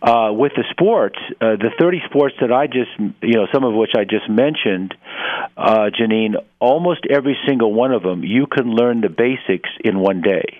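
A man in his sixties explaining things as a radio interview guest, speaking haltingly with many pauses and repeated words. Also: medium pitch, no room sound, narrow, tinny audio. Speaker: interview guest, head of an adaptive sports organization.

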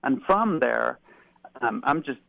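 A man's voice: mid-range voice, expressive, slow pace, creaky, fairly bright tone, no room sound, muffled recording. A man from Argentina, calling in as a guest on a radio show and answering thoughtfully with frequent ums. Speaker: guest caller, research fellow. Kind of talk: phone-in interview.

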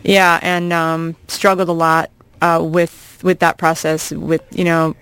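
Woman, forties, from Iowa, comedian guest, smooth resonant voice, quick animated jokes. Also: sits low, dry recording. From Iowa, USA. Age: 40s. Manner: quick-witted, laughing often, animated punchlines. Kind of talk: casual radio interview chat.

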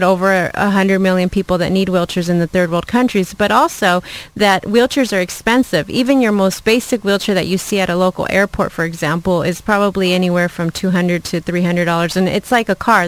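Smooth-voiced earnest woman, charity guest. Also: lowish voice, dry recording, poor audio. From Ecuador. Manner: earnest, many fillers and restarts. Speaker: charity development officer, guest. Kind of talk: interview answers.

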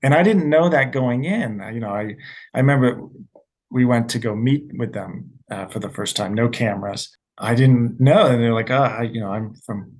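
A man's voice: medium pitch, moderate pace, a little mellow. Earnest man, a film director as guest. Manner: earnest, storytelling, frequent fillers. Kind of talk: interview guest.

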